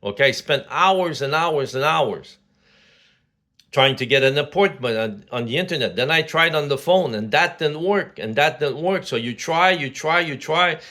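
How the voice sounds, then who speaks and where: A man's voice: fairly high pitch, animated, moderate pace, bright, forceful tone. Rambling man in his sixties from Quebec. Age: 60s. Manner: rambling, many fillers and restarts. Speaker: vlogger. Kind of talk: casual rambling monologue.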